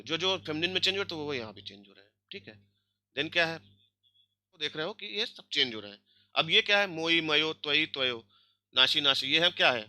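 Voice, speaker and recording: A man's voice: on the high side, bright, forceful tone, no room sound. A man teaching a grammar lesson online, explaining step by step and checking in often with his students. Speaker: language teacher.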